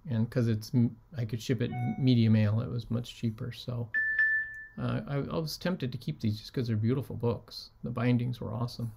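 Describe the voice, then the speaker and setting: A man talking casually in a vlog about items he resold, with lots of ums and a relaxed way of talking. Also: mid-range voice, moderate pace, gravelly, faint music behind. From United States. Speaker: reseller showing sold items.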